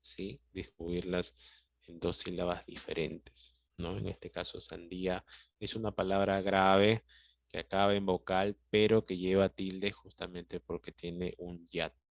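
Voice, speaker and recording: Male teacher, Peruvian Spanish accent, deep voice, unhurried, patient; dry, dull recording. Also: little pitch movement, vocal fry, no echo. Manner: patient, explanatory, checks in with "¿ya?" and "¿sí?". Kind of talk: classroom lesson explaining grammar.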